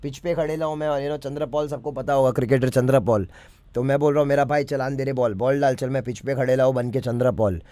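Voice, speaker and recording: A man explains his rap lines in loose, relaxed talk, mixing English phrases in and often checking that the listener follows. His voice sits at an ordinary pitch and is recorded close and dry, with no room sound. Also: fast talker, no echo. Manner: keeps checking the listener understands, mixes English phrases into Hindi. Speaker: rapper explaining his lyrics. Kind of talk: casual lyric breakdown.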